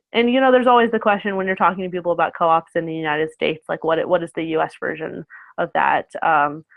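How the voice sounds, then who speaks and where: Heard over tinny, phone-like video call audio, a deep-voiced woman in her twenties speaks as a casual guest, rambling and correcting herself amid lots of fillers. The recording is dry.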